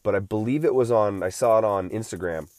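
A man in his late thirties talks alone into the mic in a loose, rambling way, circling back and restarting his sentences. His voice sits low, and the recording is dry with no room sound. He has been unwell lately but keeps talking. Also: brisk, a little mellow, dry recording. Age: 30s. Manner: rambling, with many restarts and filler words. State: recovering from feeling unwell. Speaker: podcast host. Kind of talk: casual solo podcast monologue.

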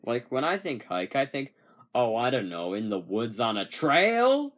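A woman's voice: very deep voice, sing-song, unhurried. Woman chiming in with dry asides. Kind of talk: casual chat.

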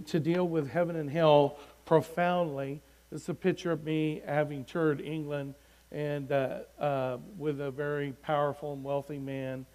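A man's voice: a little high, low-quality recording. A middle-aged man sharing his personal testimony in a church service, speaking earnestly and rising in volume when he reads scripture aloud. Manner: earnest, swells loudly when reading scripture. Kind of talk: testimony sermon.

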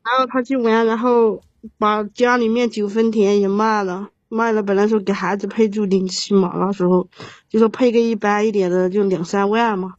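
A woman in her thirties, halting and rambling, with many restarts. The sound is dull and lo-fi, and the recording is dry. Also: mid-range voice, fairly even intonation, a little mellow, no room sound. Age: 30s. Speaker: caller. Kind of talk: emotional advice call.

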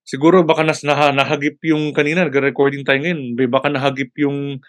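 A man chatting casually as a podcast co-host, halting often to search for words and mixing in English phrases. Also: mid-range voice, flat delivery, dry recording. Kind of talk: casual chat.

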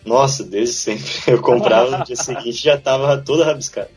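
A young man from southern Brazil, an illustrator guest on a podcast, relaxed and modest as he chats and laughs easily. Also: mid-range voice, brisk, slightly rough, soft background music. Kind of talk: casual interview chat.

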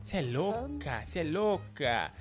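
A man hosting a live stream, teasing callers and his co-host with mock-whiny bits and sudden shouts. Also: fairly high pitch, huge pitch swings, slow, over music. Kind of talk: joking live-stream chat.

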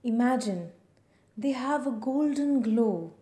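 A woman leading a scripted guided relaxation in a soft, breathy spa near-whisper, soothing, with long pauses between short phrases. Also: on the high side, animated.

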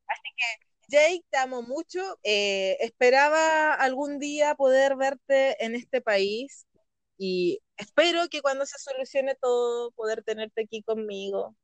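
High, giggly Chilean woman. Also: unhurried, dry recording. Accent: Chilean Spanish. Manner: giggly, gushing fan talk. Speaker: podcast co-host. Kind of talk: casual chat.

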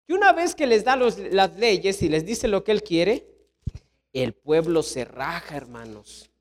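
A middle-aged man with a Mexican accent, preaching a sermon as pastor, telling lively stories and tossing rhetorical questions at the congregation. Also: unhurried. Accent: Mexican Spanish. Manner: animated storytelling preacher, sweeping pitch swings, rhetorical questions.

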